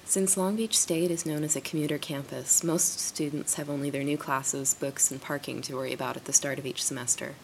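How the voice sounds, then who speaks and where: A woman's voice: deep voice, steady tone, brisk, few pauses. A woman reading a scripted student news voice-over. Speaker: news reporter.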